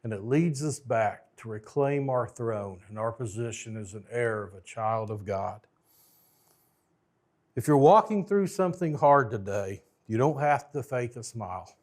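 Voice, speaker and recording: A man's voice: mid-range voice, animated, unhurried, a little mellow. A man preaching a storytelling sermon in a folksy way, with joking asides.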